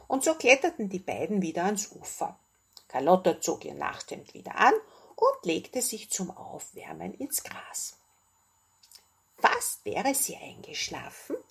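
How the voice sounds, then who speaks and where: A woman gently and expressively reading a children's fairy tale aloud. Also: medium pitch, creaky, husky. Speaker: storyteller. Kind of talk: bedtime story reading.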